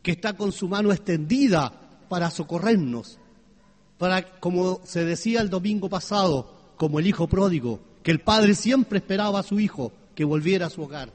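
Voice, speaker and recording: High-voiced preacher in a reverberant hall. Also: male voice, animated, moderate pace. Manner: swings between hushed low tones and loud high exclamations; asks the congregation questions. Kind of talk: sermon.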